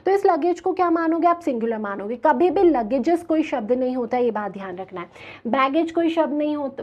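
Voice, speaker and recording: A woman teaching an English grammar lesson, explaining slowly and asking her students questions as she goes. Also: high-pitched, darkish tone, dull audio. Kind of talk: classroom grammar lecture.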